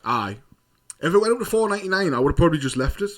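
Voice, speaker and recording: A young man, co-hosting a podcast in relaxed, rambling chat with lots of fillers. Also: a little high, racing. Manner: laid-back, rambling with fillers, laughs often. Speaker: podcast co-host. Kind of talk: casual chat.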